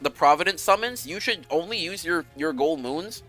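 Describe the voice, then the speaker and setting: A young man chatting casually with his viewers on a game stream, animated and rambling, swearing freely. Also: on the high side, normal speed, faint music behind.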